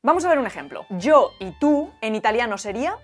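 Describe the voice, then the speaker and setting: A woman, explaining language points clearly in an educational video with playful asides. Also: fairly high pitch, very animated, brisk, soft background music.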